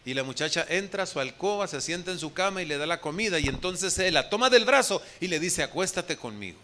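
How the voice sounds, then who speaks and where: A pastor preaches to his congregation in a high, bright tenor. He asks his listeners direct questions and voices the words of the people in his story. His tone is lively and forceful throughout the sermon. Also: fast, a little hiss or hum. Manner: addresses the congregation directly with questions, acts out quoted speech.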